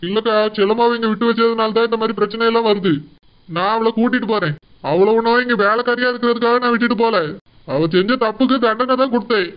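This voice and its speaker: A firm middle-aged village husband with a Tirunelveli accent. He talks fast and smooth, settling family quarrels with steady authority. The sound is dull and lo-fi. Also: extremely high pitch. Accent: Tirunelveli Tamil.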